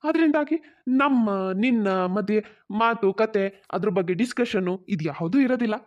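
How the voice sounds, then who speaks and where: A woman's voice: on the high side, moderate pace, dull audio, natural voice. Woman voicing a teasing, consoling young husband. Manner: soothing, gently teasing. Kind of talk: cartoon voice acting.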